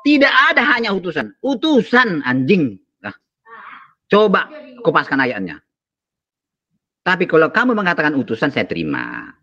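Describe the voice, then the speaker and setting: Man, pastor, angry and insulting, high lively voice, bright edge, muffled lo-fi line. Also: normal speed, long pauses. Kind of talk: heated online religious debate.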